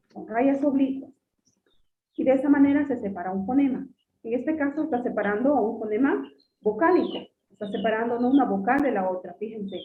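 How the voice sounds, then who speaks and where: A woman teacher with a high voice patiently explains during an online class, repeating her points and calling her students "jóvenes." She uses a computer mic on a video call, and the audio is echoey and phone-like with a little hiss or hum.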